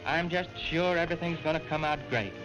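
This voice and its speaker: A man's voice: fairly high pitch, fairly quick. An actor playing an earnest, worried young man, speaking eagerly, in early talkie film sound. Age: young adult. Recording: dull 1920s film soundtrack with music.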